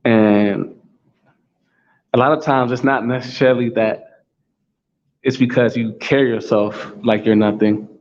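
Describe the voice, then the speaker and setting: An American man hosts a solo talk monologue, emphatic and repetitive, constantly restating his points. His voice is medium-pitched and darkish with fairly even intonation, a measured pace and frequent pauses, on slightly dull lo-fi audio with a faint background hum.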